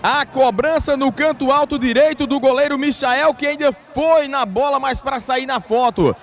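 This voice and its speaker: A man's voice: extremely high pitch, moderate pace, fairly bright tone. A Brazilian man reporting live on a football match as a commentator.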